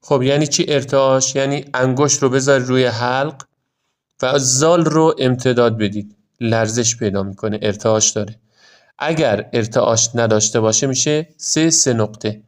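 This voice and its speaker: A man teaching Quran recitation pronunciation, explaining each sound and then modeling words slowly and carefully. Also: medium pitch. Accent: Iranian Persian. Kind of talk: tajweed pronunciation lesson.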